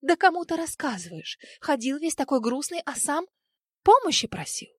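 Hissing, sarcastic healer woman, as a woman reader puts her on, voice pitched up and high, dry close sound. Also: big pitch swings, normal speed, no echo. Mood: scolding. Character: indignant sharp-tongued young woman healer.

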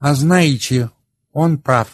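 A man's voice: a little high, unhurried, husky, pitched above the performer's own voice. A man voicing a scornful middle-aged mother who scolds her husband. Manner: contemptuous, scolding.

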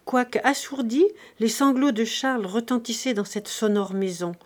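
A woman reading a classic novel aloud as an audiobook, in a steady, measured way. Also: fairly high pitch. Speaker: audiobook reader. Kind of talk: scripted narration of a classic novel.

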